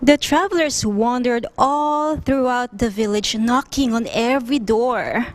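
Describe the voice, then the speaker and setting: Slow, expressive woman storyteller. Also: a little high. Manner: slow, animated, expressive reading. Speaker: children's storyteller. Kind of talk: storytelling for children.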